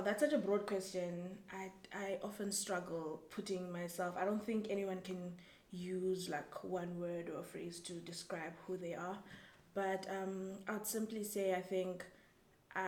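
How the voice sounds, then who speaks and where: A young woman from Zambia, whose first language is Tumbuka, answering interview questions in a thoughtful, halting way with many restarts. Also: lowish voice, darkish tone. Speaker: guest. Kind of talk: casual interview. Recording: echoey room, faint background noise.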